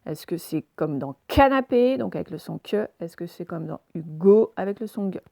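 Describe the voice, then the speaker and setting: A woman teacher recording a reading lesson for young children, stretching words slowly and sounding out each syllable. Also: lowish voice, lively intonation, vocal fry, warm tone, no echo, clean studio sound. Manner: slow, careful, stretched-out word pronunciation; pauses the recording to let pupils work. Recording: self-recorded home lesson.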